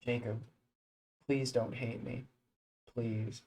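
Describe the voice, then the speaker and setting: A man's voice: medium pitch, flat delivery, slow pace, creaky, far from the mic. A man reading the lines of a timid, anxious teenage girl who pleads and apologizes. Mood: pleading. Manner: pleading, repetitive, hushed.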